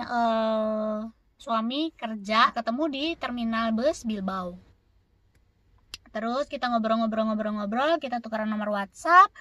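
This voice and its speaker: A woman's voice: a little high, sharp tone, no echo. A woman from Indonesia chatting casually to her viewers, answering their questions in a rambling, repetitive way. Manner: chatty, repeats words and fills with "gitu". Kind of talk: casual Q&A storytelling.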